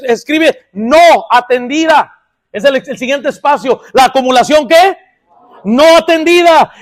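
A man preaches to his congregation. He talks playfully, going from loud, emphatic lines to quiet, confiding asides. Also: extremely high pitch. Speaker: pastor. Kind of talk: sermon.

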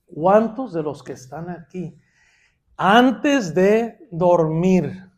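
A man preaches to his congregation. He talks playfully, going from loud, emphatic lines to quiet, confiding asides. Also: sits high, expressive, extremely slow. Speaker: pastor. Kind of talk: sermon.

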